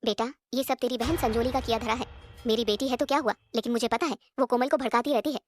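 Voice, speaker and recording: A woman's voice: on the high side, fairly even intonation, fast, faint music behind, voice pushed down, close to an everyday voice. A woman voicing an older mother who soothes her crying daughter and scolds wrongdoing. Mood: stern. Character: older mother, gentle and just.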